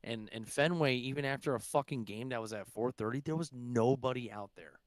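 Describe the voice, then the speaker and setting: A man's voice: mid-range voice, a little fast, crowd noise. A young man co-hosting a podcast, telling stories in a rambling, profane way with lots of fillers. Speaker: podcast co-host. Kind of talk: casual chat.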